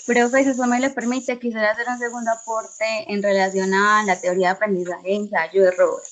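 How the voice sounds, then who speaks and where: A woman's voice: mid-range voice, little pitch movement, normal speed. A young woman student answering in an online class, hesitant and full of fillers. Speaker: university student. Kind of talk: class participation.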